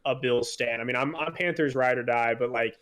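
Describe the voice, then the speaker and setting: A man's voice: medium pitch, brisk, fairly bright tone, smooth. A man co-hosting a casual sports podcast, rambling with many fillers and restarts, enthusiastic as a fan. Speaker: podcast co-host.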